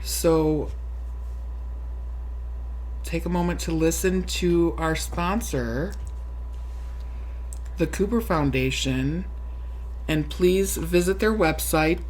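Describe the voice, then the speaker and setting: Low-voiced playful woman podcast host. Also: slight background noise. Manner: laughs a lot, playful. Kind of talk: casual podcast chat.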